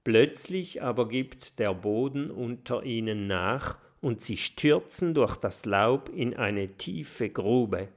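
Slow, lively male storyteller. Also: mid-range voice. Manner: calm, storytelling. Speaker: narrator. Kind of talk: children's audiobook narration.

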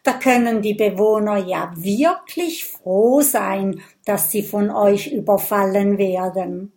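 A sharp-tongued little porcupine girl who grumbles and mocks, as a woman reads her. Often half-whispered, low-key and slow. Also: animated. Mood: sceptical. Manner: grumbling, mocking. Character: grumpy sceptical female porcupine.

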